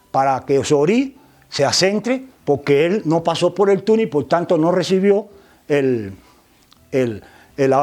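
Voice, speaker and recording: High-voiced man teaching with tag questions. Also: darkish tone. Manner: frequent tag questions, repeats words while searching. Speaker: religious teacher. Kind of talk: explanatory lecture.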